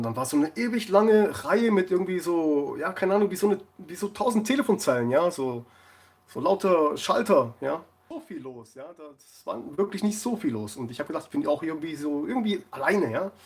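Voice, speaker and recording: A man chatting casually on a live stream, rambling through anecdotes and laughing often. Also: fairly high pitch.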